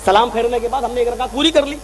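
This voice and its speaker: A man giving a sermon and telling a story, acting out both sides of a conversation and rising to shouts. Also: very high-pitched, quick pace, slight background noise. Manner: impassioned, acts out dialogues, rises to shouting. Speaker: preacher.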